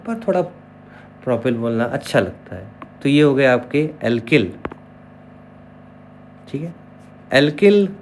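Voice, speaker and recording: A man's voice: medium pitch, slight background noise. A man teaching an online chemistry lesson, who spells terms out letter by letter and keeps checking in with his students. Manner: explanatory, checks in with repeated "okay".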